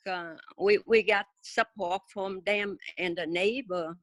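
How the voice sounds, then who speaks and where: A woman's voice: medium pitch, steady tone, no echo. Vietnamese-accented woman in her seventies, dry. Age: 70s. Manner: halting, many filler sounds, simple grammar. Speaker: interview guest. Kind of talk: casual storytelling interview.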